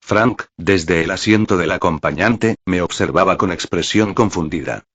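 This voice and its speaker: Deep-voiced man narrating a story. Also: moderate pace, a bit bright, slightly rough. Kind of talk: first-person audiobook narration.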